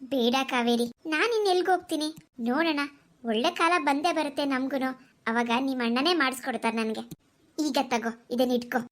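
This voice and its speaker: A woman voicing a selfless young wife in a cartoon, speaking softly and reassuringly. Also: sits high, pitched below the performer's own voice, lightly acted. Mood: persuading. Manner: soft, reassuring, measured. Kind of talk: cartoon voice acting.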